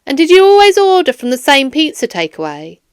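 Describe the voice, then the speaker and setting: In clean studio sound with no echo, a high-voiced woman whose pitch swoops wildly performs a stern police detective questioning a suspect. It is children's audiobook character dialogue, delivered formally, measured and probing.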